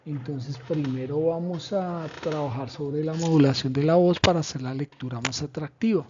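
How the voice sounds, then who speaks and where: Male teacher, slightly high pitch, measured explanatory delivery, lo-fi recording. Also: mellow, slight background noise. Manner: measured, explanatory, with pauses and fillers. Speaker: teacher presenting a lesson plan. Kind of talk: slide presentation. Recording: dull lo-fi recording.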